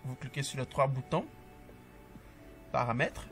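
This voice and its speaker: A man at a mid pitch talks viewers through a web animation setup at an easy, conversational pace, narrating each keystroke as he goes. His delivery is casual and upbeat, with little cheerful asides to the audience. Faint music plays underneath. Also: measured pace. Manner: relaxed, talks through each step as he types. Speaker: coding tutorial instructor. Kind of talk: casual screen-share coding tutorial.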